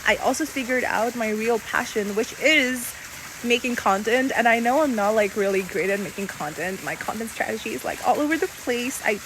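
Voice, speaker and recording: A chatty young woman in her twenties talks through a casual about-me vlog, confiding and full of fillers. Her voice sits a little high. A steady hiss of noise runs under the recording. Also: normal speed. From Saudi Arabia. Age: 20s. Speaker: content creator.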